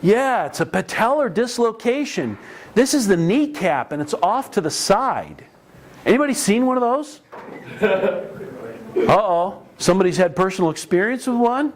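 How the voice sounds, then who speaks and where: A man's voice: sits high, sing-song, measured pace. A middle-aged man teaching an emergency medical class in a classroom, talking casually and mixing in stories from calls. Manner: conversational, anecdotal, with frequent restarts. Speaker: EMS instructor. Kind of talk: classroom lecture. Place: training classroom.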